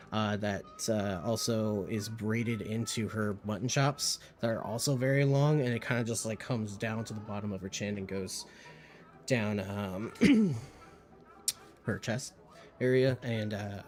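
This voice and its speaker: A man runs a tabletop game, describing characters and walking players through rolls. He rambles with plenty of fillers at an ordinary middle pitch. Faint music plays behind him. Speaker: game master. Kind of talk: narrating a tabletop game over voice chat.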